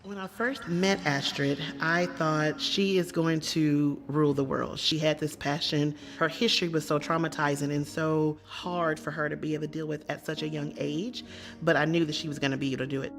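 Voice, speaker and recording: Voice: mid-range voice, fairly even intonation, normal speed, soft background music. An adult speaking admiringly in a tribute video interview. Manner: admiring, warm praise.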